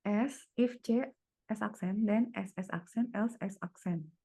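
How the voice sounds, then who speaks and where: A woman's voice: mid-range voice, measured pace, warm tone, breathy edge, dry recording, clean studio sound. A woman tutoring one student, working through problems aloud and murmuring each step as she goes. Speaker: private tutor.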